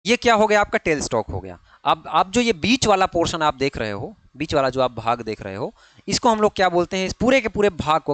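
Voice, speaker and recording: A man's voice: on the high side, fairly bright tone, no echo. Man teaching, quizzing himself aloud. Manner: question-and-answer teaching, asks then answers himself; frequent checking tags, repeats key terms. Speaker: ITI fitter exam teacher. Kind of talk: online classroom lecture.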